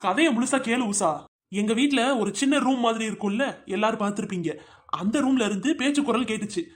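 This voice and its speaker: A man's voice: very high-pitched, fairly quick. A man voicing a chatty, gossipy young village housewife in a cartoon comedy. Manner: chatty storytelling, teasing friends with nicknames.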